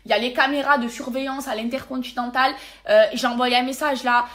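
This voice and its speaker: A woman's voice: high-pitched, fairly even intonation, brisk, a bit bright. An irritated woman venting to her followers in a casual vlog, emphatic and repeating words and oaths for force, speaking into a phone held close. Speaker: social media personality.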